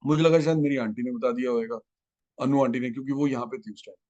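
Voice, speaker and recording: A man's voice: medium pitch, fairly even intonation, quick pace, a little mellow, dull audio. Man giving a heartfelt devotional testimony. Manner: heartfelt storytelling, mixing in English phrases. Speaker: devotee sharing a testimony at a satsang.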